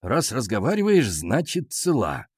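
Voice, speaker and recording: A man voicing a stern, flustered older male teacher in a children's audiobook, low and gruff. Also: huge pitch swings, measured pace, darkish tone, no room sound, studio quality, exaggerated voice. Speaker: school nature club teacher.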